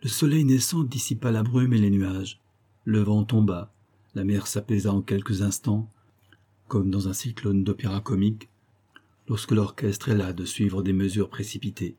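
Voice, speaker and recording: A man narrating a novel as an audiobook, in a measured literary storytelling manner. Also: on the low side, steady tone, warm tone, slightly rough.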